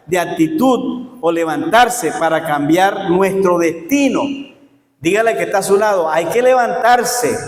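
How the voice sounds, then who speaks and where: A man's voice: sits high, a little hiss or hum. A man preaching a Sunday school sermon as a pastor, folksy and joking, calling on the congregation to answer him. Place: church hall. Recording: echoey church hall reverb.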